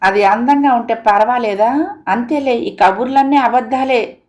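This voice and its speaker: A woman's voice: medium pitch, normal speed, natural voice. A woman voicing a timid, pouting young village girl.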